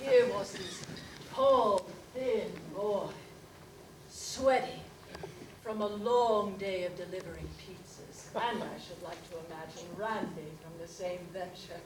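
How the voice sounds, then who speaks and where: A woman speaks slowly at a fairly low pitch, performing a comic monologue as a prim elderly widow whose speech is genteel and mannered, with plenty of giggly laughter. The sound is roomy, from a distant mic with background noise.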